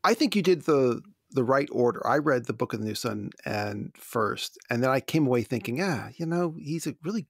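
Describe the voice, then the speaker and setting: A man's voice: medium pitch, expressive, moderate pace, few pauses, no room sound, clean studio sound. A man hosting a podcast interview over a call, casual and friendly, often repeating words as he gathers his thoughts. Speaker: podcast host.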